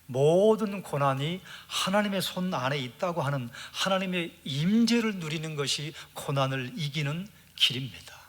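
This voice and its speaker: 설교하는 목사, 약간 높은 남자 목소리. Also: male voice, a little high, expressive, moderate pace, hardly any pauses. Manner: preaching with rhetorical questions, then praying; shifts between loud emphasis and hushed, near-whispered lines. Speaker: pastor. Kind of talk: sermon.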